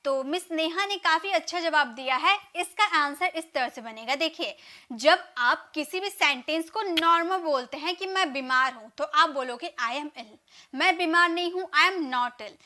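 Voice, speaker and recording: A woman teaching a live spoken English class, urging students to answer fast and saying English sentences slowly. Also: high-pitched, bright, forceful tone. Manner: drills sentences, urges students to answer quickly; says English model sentences slowly and deliberately.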